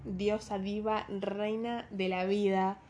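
A woman's voice: mid-range voice, level tone, slow, darkish tone, a little hiss or hum. A woman, recommending books in a casual, rambling vlog, poking fun at herself and laughing often. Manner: chatty, rambling, self-mocking, laughs often. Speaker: book vlogger.

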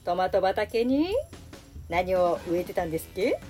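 Woman as a female radio host, polite on air, blunt off air, animated, comedy radio sketch. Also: on the low side, measured pace, soft background music. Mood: bright, polite. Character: cheerful female radio host with a coarse hidden temper.

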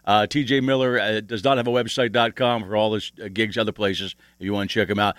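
A man hosting a radio show, asking a guest questions in a halting way, restarting often. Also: lowish voice, fairly even intonation, a bit bright, no echo. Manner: halting, with many fillers and restarts. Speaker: radio host. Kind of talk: casual radio interview.

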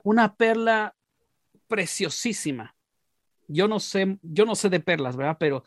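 A man's voice: sits high, no echo, clean studio sound. A man preaching a sermon, telling a parable in a conversational way with frequent restarts and repeated words. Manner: conversational, with many restarts and repetitions. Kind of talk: storytelling sermon.

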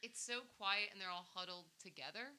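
A woman's voice: medium pitch, brisk, pushed and bright. A woman with a Philadelphia-area accent co-hosting a podcast in casual comedic banter, sarcastic, teasing and sweary. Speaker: podcast co-host.

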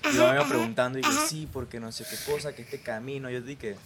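A man's voice: medium pitch, fast, a loud crowd. A man, telling a story in casual chat and quoting himself along the way. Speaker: podcast co-host.

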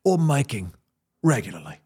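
A man's voice: mid-range voice, moderate pace, slightly rough. A man co-hosting a podcast, joking in casual chat. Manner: animated, jokey. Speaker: podcast co-host.

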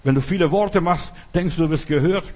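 A man's voice: on the high side, a little fast, darkish tone. An older male pastor preaching a sermon, emphatic and repetitive, acting out dramatic prayers.

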